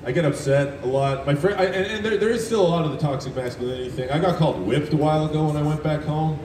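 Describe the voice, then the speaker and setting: Speaking fast, a deep-voiced Canadian man from Alberta in his thirties does deadpan, self-mocking stand-up and ribs the audience. The recording comes from a phone in the crowd aimed at the PA speakers on an outdoor festival stage in a city park at night, so it sounds distant, echoey and noisy, with people laughing and cheering.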